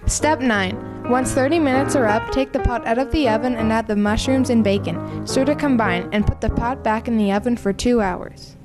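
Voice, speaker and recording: High-voiced woman presenter over music. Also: normal speed, few pauses. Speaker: news presenter. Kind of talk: scripted narration.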